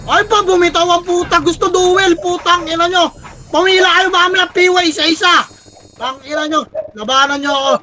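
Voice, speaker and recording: A young man leading his squad in an online game, barking rapid repeated callouts and swearing when frustrated. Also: extremely high pitch, sharp tone. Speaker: squad leader calling commands. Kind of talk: shouted game commands to a team.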